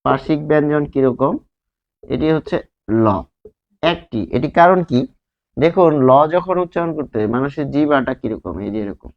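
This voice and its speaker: A man's voice: a little high, moderate pace, gravelly. Dull-sounding male teacher explaining step by step. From Bangladesh. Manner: explains step by step, asks and answers his own questions; drags out sounds to demonstrate. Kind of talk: grammar lesson.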